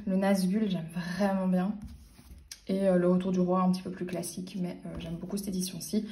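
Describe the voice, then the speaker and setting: A woman's voice: medium pitch, dark tone, far from the mic. A woman in her late twenties chatting casually about her book collection, hesitant and full of fillers and restarts. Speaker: book vlogger. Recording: roomy sound, voice a bit off-mic.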